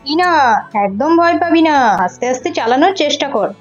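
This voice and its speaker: A gentle, reassuring young uncle speaks in a lower, steady voice, as a woman puts him on. He soothes a worried sister-in-law and coaxes the children along with patience. The storybook recording sounds slightly muffled, with soft music running underneath. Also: brisk. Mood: encouraging.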